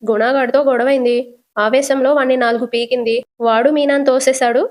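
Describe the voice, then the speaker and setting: A quick-tongued young husband who jokes even in a crisis while calming his mother-in-law, voiced by a woman retelling a serial. The voice stays high and light. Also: natural voice. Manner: wisecracking, reassuring. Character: young adult man, quick-tongued joking son-in-law.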